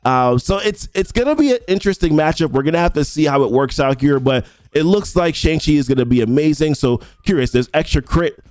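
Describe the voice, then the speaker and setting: A young man, a mobile game content creator, talks briskly and expressively with hardly any pauses; his voice is on the high side with a darkish tone and no echo. He reads ability text from the update's patch notes aloud in casual commentary, rambling with frequent restarts.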